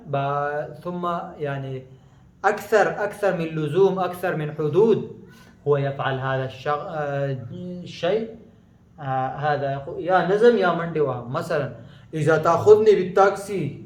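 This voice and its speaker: A man from Afghanistan whose first language is Pashto, explaining proverbs in a lesson, slow and halting with many pauses and fillers. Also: fairly high pitch. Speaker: language teacher. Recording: echoey room.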